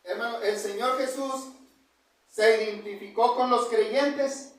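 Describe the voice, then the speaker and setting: Guy preaching a bible lesson, really high voice, super echoey church hall, sounds far from the mic. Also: fairly even intonation, takes it slowly, a bit bright. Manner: asks the congregation questions and has them fill in words; addresses listeners as brothers and by name.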